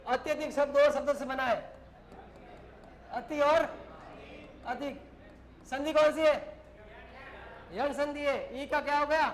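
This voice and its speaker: A man's voice: very high voice, steady tone, moderate pace, poor audio. A male teacher giving a classroom grammar lesson, dictating words and explaining them in short, repeated phrases.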